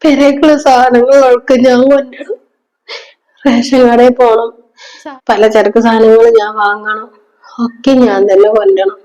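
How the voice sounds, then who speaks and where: A woman's voice: fairly high pitch, level tone, unhurried, long pauses, a little mellow, lightly acted, low-quality recording. A woman playing a worn-down young married daughter in a short film, speaking in a subdued, resigned way. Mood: weary, resigned.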